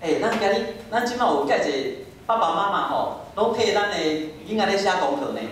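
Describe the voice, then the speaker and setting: A man's voice: high-pitched, animated, fairly quick, a bit bright. A man with a Taiwanese accent preaching a sermon in an emphatic, conversational way, prompting listeners with short questions and interjections. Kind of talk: sermon with rhetorical questions, closing in prayer. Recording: very echoey room, distant mic, faint noise.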